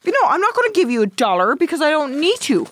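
A woman streamer guesting on a podcast, chatting casually with teasing, quick banter. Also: sits high, very animated.

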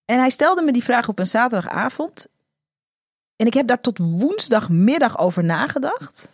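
A woman guest talking frankly and reflectively about her own life, hesitating often as she tells her story in conversation. Her voice sits at an ordinary middle pitch and is heard up close, with no room sound around it. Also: very animated, moderate pace, slightly rough, dry recording. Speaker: guest, author.

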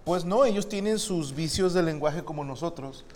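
A Mexican-accented man hosts a casual podcast chat, joking and ribbing his guests in crude slang. His voice sits a little high for a man, with a faint hiss behind it. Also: normal speed, darkish tone. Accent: Mexican Spanish. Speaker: podcast host.

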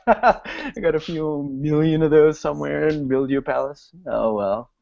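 A man's voice: fairly high pitch, unhurried, creaky, darkish tone, slight background noise. A man from Sri Lanka co-hosting a travel podcast, chatting casually and laughing between phrases. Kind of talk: casual chat. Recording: dry, muffled lo-fi podcast audio.

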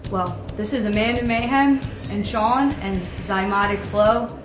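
A woman's voice: mid-range voice, unhurried, over music. A woman hosting a podcast, asking a band questions in an upbeat, polite way. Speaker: podcast host. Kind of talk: interview hosting. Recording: echoey room with background noise.

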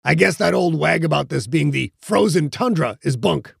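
Man doing a dim, crude jock, gravelly, swoopy delivery. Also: fairly high pitch, lively intonation, normal speed, no room sound, studio quality, heavily acted. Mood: crude goofy. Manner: loud, crude, rambling. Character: crass, dim-witted burly young man, male football player.

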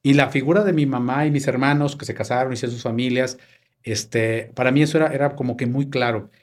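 A fiftysomething Mexican man chats casually as a podcast guest, sharing family anecdotes and performing old dialogues. He talks fast, in a medium-pitched, steady tone.

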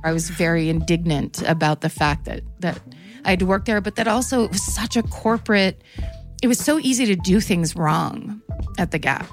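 A woman's voice: fairly low pitch, normal speed, faint music behind. A woman comedian telling stories in a casual interview, rambling and self-mocking, laughing often. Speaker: guest comedian.

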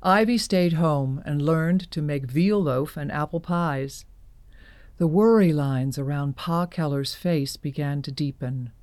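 A woman narrating an audio drama in a measured storytelling manner. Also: low voice, darkish tone, no room sound.

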